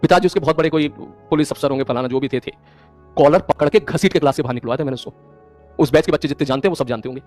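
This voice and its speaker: A man's voice: fairly high pitch, racing, darkish tone, faint music behind. A man teaching an online class, lecturing his students sternly and scolding them.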